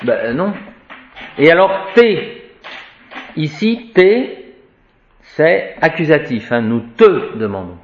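Man, Latin teacher, chants declensions, slow, echoey lo-fi classroom recording. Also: on the high side, big pitch swings. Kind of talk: classroom grammar lesson. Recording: echoey room, dull lo-fi sound.

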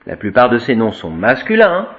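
A man's voice: medium pitch, dull audio. A male teacher giving a Latin grammar lesson, reciting word endings and explaining them to a class. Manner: slow, lively, drawn-out recitation of word forms.

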